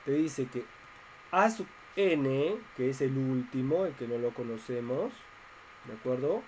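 A man's voice: mid-range voice, expressive, unhurried, slight background noise, low-quality recording. A man teaching a math class online, explaining step by step and asking his students questions.

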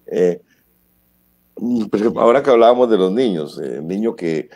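A man hosting a casual chat, speaking in measured, searching phrases. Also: on the low side, animated, warm tone.

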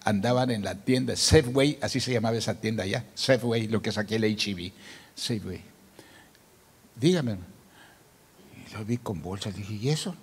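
Older man preaching with a gravelly voice. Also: lowish voice, a little fast, big-room sound. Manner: storytelling, acts out dialogue, grows loud and emotional. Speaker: pastor. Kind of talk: sermon testimony.

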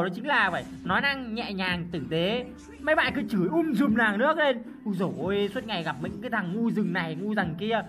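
A woman, hosting a gaming channel with playful, excitable gameplay commentary. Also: on the high side. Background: background music.

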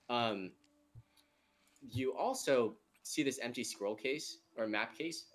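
A man's voice: medium pitch, fairly bright tone, slight background noise. A man narrating a tabletop game off the cuff as game master, in a casual way.

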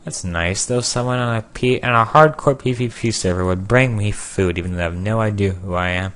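Low-voiced young man joking over gameplay. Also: a little fast. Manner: joking, sarcastic, loud outbursts. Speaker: gameplay video creator. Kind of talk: casual gameplay commentary.

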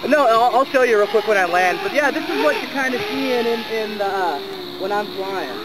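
A man's voice: high voice, animated, normal speed. A man who flies racing drones, chatting casually in an open park and answering with short, easygoing replies. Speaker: drone pilot. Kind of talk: casual chat outdoors. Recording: noisy outdoor recording.

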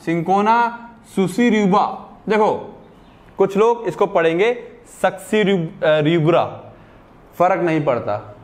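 A young male teacher with a fairly high voice, lecturing at an easy pace. He reads out textbook lines slowly and then explains them again in simpler words. He keeps checking in with his students to see whether the point is clear. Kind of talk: classroom lecture.

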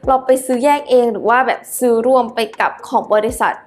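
A young woman, an exchange student, explaining her plans in a chatty, unhurried vlog full of small fillers. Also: a little high, slight background noise. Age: young adult.

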